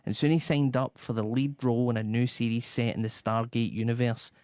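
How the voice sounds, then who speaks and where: Presenter: man, mid-pitched, reads a rundown with dry asides, dry close sound. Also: level tone, brisk, a little mellow, no room sound. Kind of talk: scripted rundown with chat.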